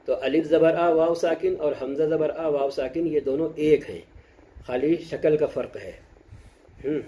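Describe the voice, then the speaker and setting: A man's voice: on the high side, dark tone, rough recording. A man teaching the correct pronunciation of letters in a patient, explanatory lesson, repeating each point in several words and drilling syllables one by one. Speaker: Quran recitation teacher. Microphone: close mic, shows lip shapes to camera.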